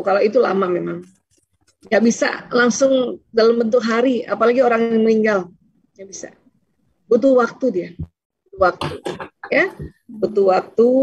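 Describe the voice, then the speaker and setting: A woman's voice: medium pitch, husky, no room sound, dull audio. A woman religious teacher talking casually and answering questions, acting out little dialogues as she goes. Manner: lively, acts out little dialogues, laughs often.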